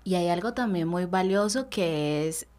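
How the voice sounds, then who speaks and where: A woman's voice: lowish voice, animated, measured pace, darkish tone. A woman co-hosting a podcast, thoughtful and searching for her words. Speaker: podcast co-host. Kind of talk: casual podcast chat.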